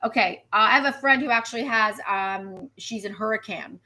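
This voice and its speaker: A woman meteorologist giving a live weather stream, animated and chatty, repeating herself and reacting to viewer comments. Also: fairly high pitch, normal speed.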